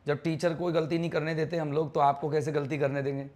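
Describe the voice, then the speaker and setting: A man's voice: fairly high pitch, flat delivery, fast talker, a little mellow. A man, teaching a live online English grammar class in a chatty, teasing way and quizzing students on their answers.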